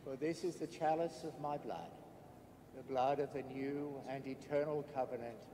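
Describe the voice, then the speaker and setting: A priest reciting the prayers of the Mass in a measured, solemn intoning voice, with cathedral echo. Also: male voice, medium pitch, steady tone, mellow. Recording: echoey church with long reverb, faint background noise.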